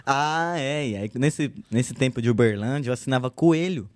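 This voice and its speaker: A man in his thirties talks through his life story in an easygoing podcast conversation. He drops slang freely and acts out the voices of the people he quotes. His voice sits at an ordinary pitch, recorded close and dry. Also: normal speed, no room sound. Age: 30s. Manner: relaxed slangy storytelling with lively quoted speech. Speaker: guest artist. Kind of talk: casual podcast chat.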